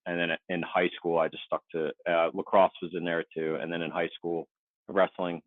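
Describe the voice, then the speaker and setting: A man in his forties from the Philadelphia suburbs, chatting casually as an interview guest in a relaxed, rambling, self-deprecating way over a remote call. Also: low-pitched, moderate pace, no echo. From Philadelphia suburbs, USA. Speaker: guest, Navy veteran. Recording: tinny phone-like dry line.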